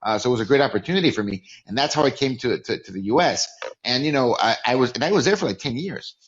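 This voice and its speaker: A man in his forties, originally from Mexico and speaking with a Californian accent, tells his story as a guest on a casual interview podcast. His medium-pitched voice is lively and quick, and he often repeats or restarts words. The audio has its high frequencies cut off.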